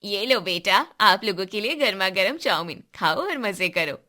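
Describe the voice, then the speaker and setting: Caring cartoon mom, bright and fussy, voiced by a woman. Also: mid-range voice, lively intonation, moderate pace. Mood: cheerful.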